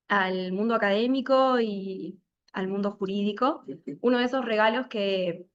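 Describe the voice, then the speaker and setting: A woman's voice: medium pitch, lo-fi sound. A woman who coordinates the event and lectures at the faculty, giving formal, gracious opening remarks in a university room.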